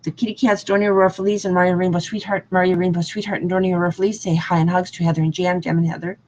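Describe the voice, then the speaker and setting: A woman's voice: fairly low pitch, flat delivery, very fast, a little mellow, muffled recording, slight background noise. A woman hosting an online devotional broadcast, listing names in a rambling, sing-song way. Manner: lists names in long chants, sing-song repetition. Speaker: host of a spiritual online broadcast. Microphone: online hangout broadcast.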